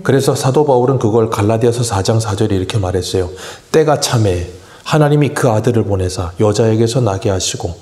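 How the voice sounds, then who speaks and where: A man's voice: on the low side, fairly quick, hardly any pauses, darkish tone, echoey room. A man preaching a morning sermon as pastor, asking the congregation questions and answering them himself. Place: church sanctuary.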